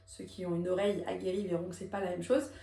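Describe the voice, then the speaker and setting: A woman teaching a singing lesson, explaining technique and demonstrating high belted lines. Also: level tone, quick pace, vocal fry, warm tone, reverberant. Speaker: vocal coach.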